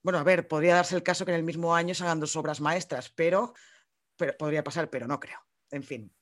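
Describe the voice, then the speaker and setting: A woman's voice: low-pitched, fairly even intonation, fast talker. A woman with a Spain Spanish accent co-hosts a casual film podcast. She talks in a chatty, loose way, explaining things and joking as she goes. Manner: chatty, explains and jokes freely. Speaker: podcast co-host.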